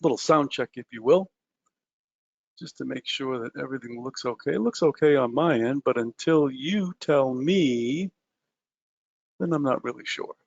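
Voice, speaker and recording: A man's voice: medium pitch, moderate pace, vocal fry. Chatty male webinar presenter, dull sound. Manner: conversational, many "uh" and "um" fillers, addresses listeners directly. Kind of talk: live trading webinar presentation.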